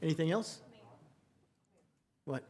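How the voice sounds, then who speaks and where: A man chairing a city council meeting as mayor, brisk and informal as he moves through business. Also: a little high, animated, darkish tone, slight background noise. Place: council chamber.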